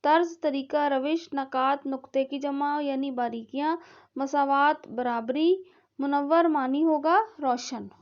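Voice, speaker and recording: Slow, high-voiced woman tutor. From Pakistan. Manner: slow, careful word-by-word pronunciation drill. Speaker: online Urdu tutor. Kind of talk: reading vocabulary lists aloud for a class. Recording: dull lo-fi recording.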